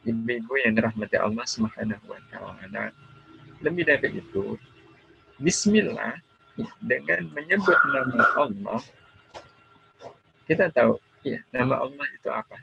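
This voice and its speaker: A man's voice: medium pitch, lively intonation, measured pace, creaky, pauses often. A middle-aged Indonesian man giving an online religious seminar to mothers, conversational, asking questions and answering them himself. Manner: acts out a scolding parent in quoted lines. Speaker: Islamic preacher. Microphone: video call. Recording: dull video call audio with faint noise.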